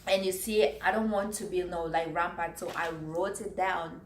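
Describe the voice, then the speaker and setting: A woman from Cameroon with a lowish, steady voice gives business tips to camera at a moderate pace. She talks casually but earnestly, working from notes and repeating her points. The recording has a roomy echo and faint background noise.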